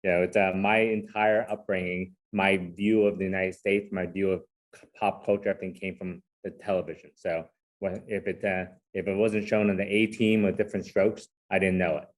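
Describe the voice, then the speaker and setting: Deep-voiced man in relaxed interview. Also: fairly quick. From Hong Kong, raised in San Francisco. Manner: relaxed, self-deprecating, frequent "right?" tags. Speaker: guest, corporate chief legal officer. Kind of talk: casual interview conversation.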